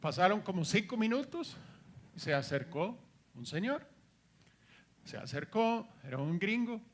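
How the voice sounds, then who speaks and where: High-voiced man preaching a testimony sermon. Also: very animated, measured pace. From United States. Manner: storytelling, acts out quoted dialogue, emphatic repetitions.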